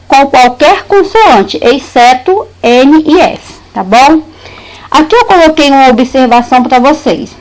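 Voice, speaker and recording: A woman's voice: high voice, poor audio. A woman teaching a recorded lesson, patiently repeating points and checking that students understand.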